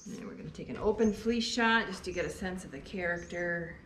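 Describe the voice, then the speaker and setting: A woman's voice: lowish voice, brisk, a bit bright, a little hiss or hum. A middle-aged woman, a sheep farmer, chatting enthusiastically while she works at a table in a barn, filmed by a camera a few feet away. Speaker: sheep farmer and fleece seller. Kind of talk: casual demonstration while working. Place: indoor barn by a fleece-skirting table. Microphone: camera on tripod a few feet away. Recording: echoey barn with faint ambience.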